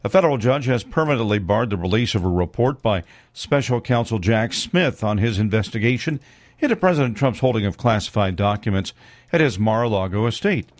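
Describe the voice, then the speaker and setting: A man reading scripted radio news as anchor in a measured, steady way. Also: on the low side, no room sound. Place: studio.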